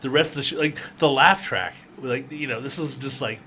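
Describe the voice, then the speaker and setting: A man's voice: medium pitch, fairly quick, bright, forceful tone, slight background noise. A man co-hosting a podcast in casual chat, laughing often and trailing into restarts. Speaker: podcast co-host.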